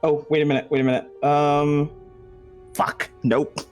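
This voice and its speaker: A woman's voice: sits low, flat delivery, measured pace, a little mellow, soft background music. A woman chatting casually as a player in a tabletop role-playing game.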